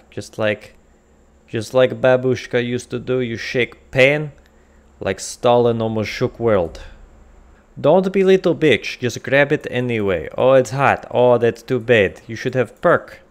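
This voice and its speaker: A man's voice: medium pitch, a little slow. A man casually narrating a cooking game in a put-on comic Russian accent, dropping articles and joking to himself as he goes. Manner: rambling, jokey, talks to himself while cooking. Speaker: gamer playing a cooking game. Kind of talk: casual gameplay commentary.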